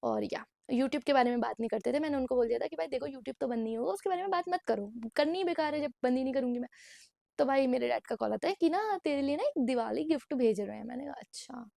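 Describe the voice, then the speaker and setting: A woman's voice: sits high, lively intonation, fast talker, vocal fry, mellow, no echo, clean studio sound. A woman in her twenties telling a personal story in a casual vlog, chatty and mixing English phrases into her Hindi. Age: 20s. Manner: chatty, mixes English phrases into Hindi and keeps saying "bhai". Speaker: vlogger. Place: indoor room at night.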